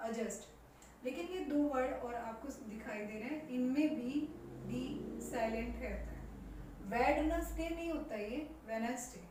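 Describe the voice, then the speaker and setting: A woman English teacher with an Indian accent, giving a pronunciation lesson and repeating words slowly for students to copy. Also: fairly high pitch, darkish tone, slight background noise. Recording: very echoey room, voice from far off.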